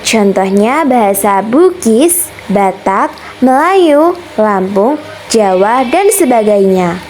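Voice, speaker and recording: A young woman student giving a class presentation, slowly listing items one by one. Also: on the high side, animated, darkish tone, faint music behind, rough recording. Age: young adult. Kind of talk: class presentation reading facts.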